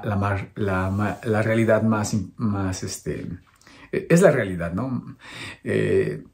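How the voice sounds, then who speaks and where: A man, a priest, reading a Gospel passage aloud and stopping often to explain it in a relaxed, conversational sermon full of restarts and fillers. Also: fairly low pitch. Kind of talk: bible study sermon.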